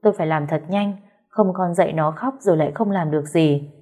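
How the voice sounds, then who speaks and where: Low-voiced woman narrating a sad story. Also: fairly quick, dark tone, slightly rough, soft background music.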